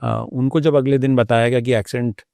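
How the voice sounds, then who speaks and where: A man with a warm, mellow voice tells his own story as an interview guest. He pauses often and sounds reflective. The recording is dry and close, with no room sound. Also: medium pitch, steady tone, creaky, dry recording. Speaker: doctor.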